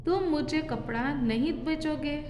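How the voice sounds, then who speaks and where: A woman voicing a cheeky, angry little male mouse in a storybook reading for children, with shrill, demanding shouts. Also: measured pace, slight background noise. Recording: echoey room with long reverb.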